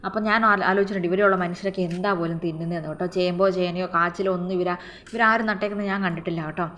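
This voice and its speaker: A woman from the Kerala highlands telling a personal story to her viewers in a rambling, casual way. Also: fairly even intonation, racing, fairly bright tone. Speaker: vlogger. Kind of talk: storytelling narration.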